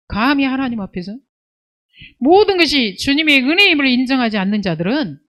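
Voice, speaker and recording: A woman pastor preaching a sermon, asking rhetorical questions and answering them, scolding and rising to near-shouts on key points. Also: sits high. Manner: emphatic preaching with rhetorical questions and call-and-response "예".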